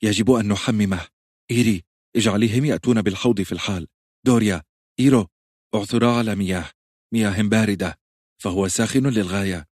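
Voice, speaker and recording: A man's voice: fairly low pitch, fast, pauses often, a little mellow, no echo, clean studio sound, close to an everyday voice. A man voicing a young pregnant queen who gives urgent orders, commanding yet frightened. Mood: anxious.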